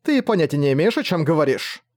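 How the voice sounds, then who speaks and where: A man's voice: a little high, lively intonation, fast talker, dry recording, lightly acted. A man voicing a stern, overbearing middle-aged mother who scolds her son, in an audiobook. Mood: furious. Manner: sharp and scolding, shouting at times.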